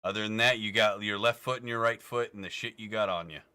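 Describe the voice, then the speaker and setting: Bright-voiced man running a game. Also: lowish voice, fairly even intonation, quick pace, clean tone. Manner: casual, swearing, laughing narration. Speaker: game master. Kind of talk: narrating a tabletop game.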